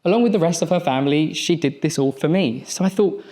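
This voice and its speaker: A man's voice: on the high side, fast, dark tone. Young man giving a motivational speech. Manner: personal storytelling with punchy short phrases. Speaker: mindset coach. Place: event stage at a podium.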